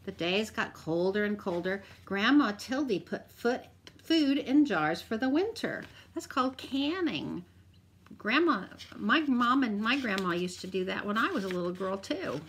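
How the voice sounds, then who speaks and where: A woman teacher reading a picture book aloud to children, expressive, with drawn-out emphasis and asides to her listeners. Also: medium pitch, a little hiss or hum.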